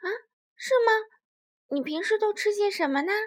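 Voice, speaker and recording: A woman doing a gentle, kind sea reptile. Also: normal speed. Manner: soft and caring, high-pitched.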